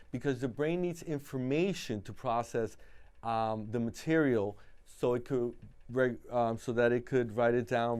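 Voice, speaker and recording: A man hosting a public-access talk show, calmly explaining study tips and introducing his guest. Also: medium pitch, smooth. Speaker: host.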